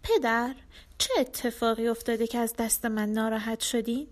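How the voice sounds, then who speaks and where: A woman doing an eager, flattering elder princess. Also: on the high side, natural voice.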